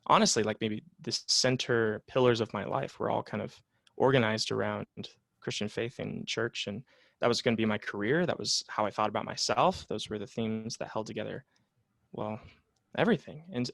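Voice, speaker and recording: A man in his late twenties, a psychotherapist appearing as a guest, speaks reflectively in a casual interview full of fillers and restarts. His voice sits on the low side, creaky and slightly bright, with no echo.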